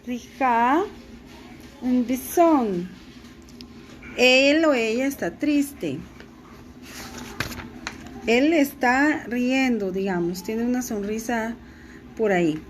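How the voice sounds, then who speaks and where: Woman teacher recording a lesson, high voice, really slow careful delivery. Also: slight background noise. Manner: slow, deliberate, spelling out pronunciation. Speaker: language teacher. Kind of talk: recorded class lesson for students.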